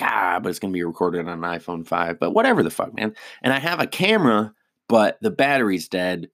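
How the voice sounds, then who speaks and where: Rambling, profane young-sounding comic, low voice. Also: male voice, fairly bright tone, no echo, clean studio sound. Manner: rambling, profane, self-deprecating. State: hiccups. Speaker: stand-up comedian. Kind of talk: casual solo podcast chat.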